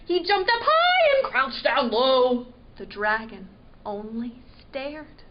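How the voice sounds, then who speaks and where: A woman librarian reading a picture book aloud at storytime, expressive and asking her young listeners questions. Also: very high voice, highs cut off. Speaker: children's librarian. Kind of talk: children's storytime read-aloud.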